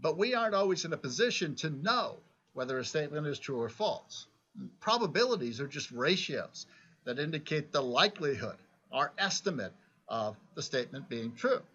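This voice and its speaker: A man's voice: a little high, sing-song, moderate pace, sharp tone, slightly rough. A man giving a recorded philosophy lecture, explaining step by step and often checking in with "right?". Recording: dull lo-fi recording.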